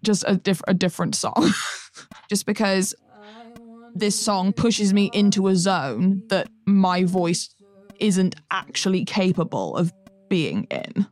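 A woman's voice: medium pitch, animated, takes it slowly, darkish tone. A female singer contestant speaking candidly and earnestly, with some self-doubt about her abilities. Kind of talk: candid interview.

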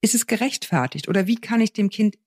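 A woman's voice: mid-range voice, expressive, fast talker, a little mellow, breathy edge, dry recording, studio quality. A woman co-hosting a parenting podcast, engaged and agreeing often while she sums up a listener's letter. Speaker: podcast co-host giving parenting advice. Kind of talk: casual advice chat.

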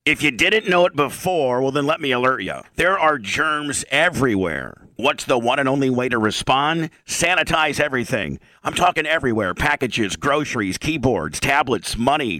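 A man's voice: medium pitch, pushed and bright, no room sound. A man reading a hard-sell ad in an emphatic, punchy way, repeating key phrases as an announcer.

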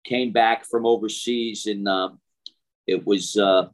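An older man, a coach being interviewed outdoors, tells anecdotes in a casual, halting, conversational way. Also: lowish voice, fairly even intonation. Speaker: shooting coach, interview guest. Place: outdoors, near passing traffic.

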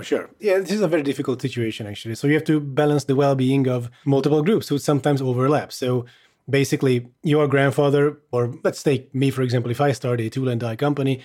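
Man from Hungary, guest; animated casual talk, plenty of fillers. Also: mid-range voice. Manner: animated, chatty, many fillers and restarts. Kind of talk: casual conversation.

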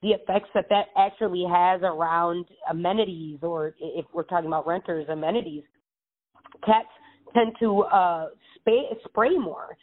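Her voice sits on the low side and moves at a moderate pace as this woman state legislator earnestly fields interview questions by phone. She rambles and restarts a lot, all over a tinny line.

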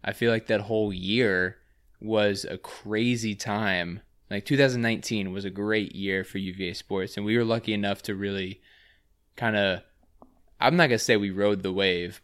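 Young male co-host, a bit low-pitched, relaxed chat with dry quips. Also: moderate pace, smooth. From Virginia. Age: 20s. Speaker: podcast co-host. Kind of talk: casual chat.

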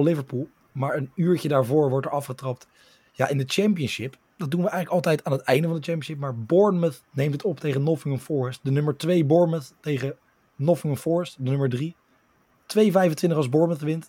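A man hosting a casual football podcast with a hoarse voice, talking at length with fillers and restarts. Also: a little high, brisk, warm tone. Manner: talkative, many fillers and restarts while explaining. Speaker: podcast host.

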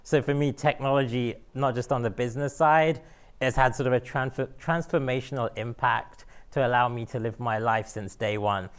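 London man giving a smooth casual talk. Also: medium pitch, fairly even intonation, moderate pace. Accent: London English. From London, England. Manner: conversational, with frequent fillers and restarts. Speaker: guest speaker.

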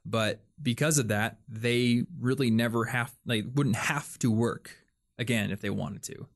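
A young man hosts a relaxed podcast conversation. His voice sits at a middle pitch, and he rambles as he works through his ideas, leaning on fillers and restarting his sentences. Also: a little slow. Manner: rambling, filler-heavy, thinks aloud. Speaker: podcast host. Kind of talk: casual chat.

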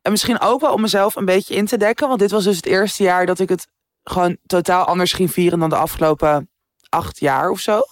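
Woman, thirties, giggly, slangy, lively, podcast co-host, dry sound. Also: fairly low pitch, brisk, dry recording. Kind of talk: casual chat.

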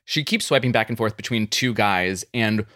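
A middle-aged man co-hosting a podcast, talking in an animated, chatty way with lots of fillers. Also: on the low side, normal speed, dry recording, clean studio sound. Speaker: podcast co-host. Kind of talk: casual chat.

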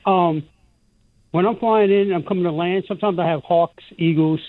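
A man's voice: sits high, fairly even intonation, normal speed, no room sound. A man calling into a radio show over the phone, chatty and rambling, his voice muffled by the line. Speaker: radio call-in caller. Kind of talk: casual chat.

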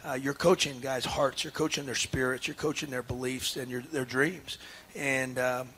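A man's voice: mid-range voice, steady tone, normal speed, a bit bright, a little hiss or hum. A man, a head basketball coach, talking earnestly in a casual radio interview, with many restarts and fillers. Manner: earnest, emotional.

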